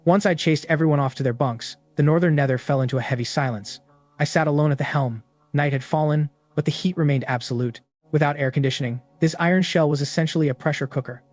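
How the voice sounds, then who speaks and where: A man's voice: a little high, fast talker, dry recording. Man narrating a story recap. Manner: steady, matter-of-fact storytelling. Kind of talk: first-person scripted narration.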